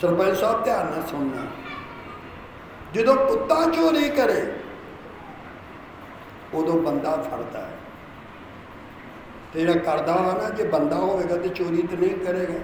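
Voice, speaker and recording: A Punjabi-accented male pastor preaches at a slow, deliberate pace, his voice sitting high. He calls out lines and urges the congregation to say them back loudly. The church hall is strongly echoey with a long reverb and audible background noise. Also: lively intonation. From Punjab, India. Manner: urges the congregation to repeat his words aloud. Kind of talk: call-and-response sermon.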